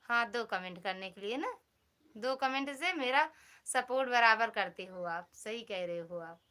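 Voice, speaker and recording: A woman's voice: a little high, animated, measured pace, bright, forceful tone. A woman with an Awadhi-flavoured Hindi accent from Uttar Pradesh, hosting a casual live stream, teasing and thanking viewers by name on a phone mic at home. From Uttar Pradesh, India. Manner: teasing, chatty, reads out and thanks commenters.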